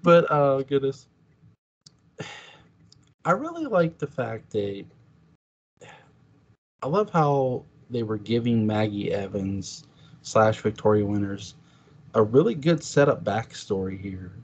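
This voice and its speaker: A man's voice: fairly low pitch, big pitch swings, slow, pauses often, a little mellow, breathy edge. A man chatting as a podcast guest, telling stories animatedly and acting out his own reactions in quotes. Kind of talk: casual chat. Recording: dull lo-fi sound.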